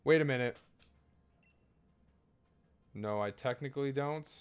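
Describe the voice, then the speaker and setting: A man's voice: medium pitch, unhurried, clean tone. A man streaming a video game, chatting casually and rambling, often correcting himself mid-sentence. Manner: rambling, self-correcting, laid-back. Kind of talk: casual live-stream chat while trading in a game.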